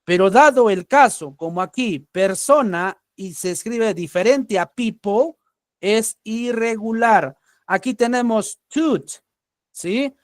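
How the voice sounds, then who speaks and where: A man from Peru teaching an English grammar lesson, patient, checking in often with "¿sí?" and repeating example words slowly. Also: high voice, no room sound, clean studio sound.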